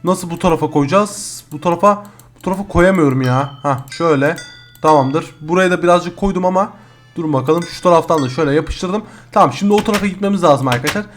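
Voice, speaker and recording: A chatty man hosting a gaming video, narrating each step and calling out to his viewers as friends. He talks quickly in a slightly high voice. Faint music runs underneath. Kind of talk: casual gameplay commentary.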